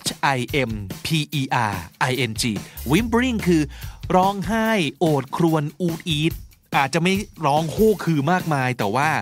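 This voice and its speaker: A man hosting a podcast vocabulary lesson who spells out words letter by letter and chats in a friendly way. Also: on the high side. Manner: lively, friendly chat. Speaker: podcast host.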